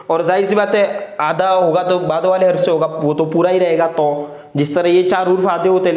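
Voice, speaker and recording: A man with a slightly high voice walks through a handwriting lesson one letter at a time. He talks patiently and keeps checking that the viewer follows along. The recording sounds roomy and echoey. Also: a little mellow, highs cut off. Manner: patient, repeats "theek hai" and "hai na" to check along. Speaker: Urdu writing teacher.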